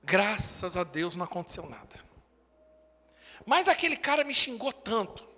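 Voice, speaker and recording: A man's voice: high-pitched, big pitch swings, normal speed, sharp tone. A man in his forties with a Brazilian Portuguese accent, preaching a sermon in short, emphatic declarations. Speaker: pastor. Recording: long hall reverb.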